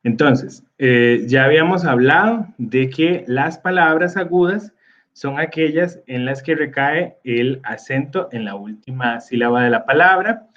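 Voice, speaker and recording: Slow, hesitant man teaching. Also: mid-range voice, a bit bright, lo-fi sound. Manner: slow, with many fillers like "este" and "eh". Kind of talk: recorded slide lesson.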